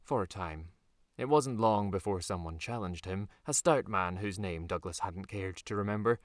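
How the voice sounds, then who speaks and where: An author reads his own fantasy novel in a fairly low voice, measured and scripted, with dramatic phrasing and deliberate pauses. The recording is dry, with no room sound.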